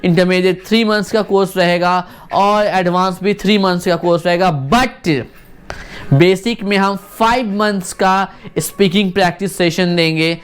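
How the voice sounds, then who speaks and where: In an online video lesson, a pronunciation teacher demonstrates sounds slowly and deliberately, repeating them many times and coaching the viewer with questions. The voice sits at a medium pitch, with a steady, clear and resonant tone.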